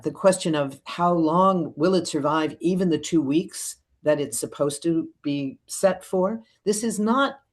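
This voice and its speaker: A woman political analyst giving long, fluent answers in a radio interview, with occasional fillers. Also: low voice.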